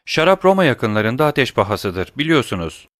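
A man's voice: medium pitch, big pitch swings, fairly quick, a bit bright, no echo, pitched above the performer's own voice. A man voicing a sly, mock-courteous bandit guard in an audiobook. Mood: mock-polite. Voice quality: mock-polite, falsely eager.

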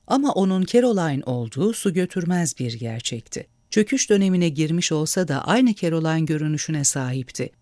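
A man reading a novel aloud in a measured, expressive narration. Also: on the high side, dry recording, clean studio sound. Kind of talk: storybook narration.

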